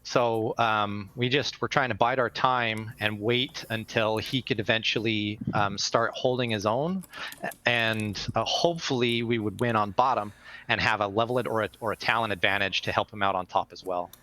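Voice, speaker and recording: Bright-voiced young man recapping a match. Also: on the low side, fairly even intonation, moderate pace. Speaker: team player interviewed after match. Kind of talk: casual post-match interview.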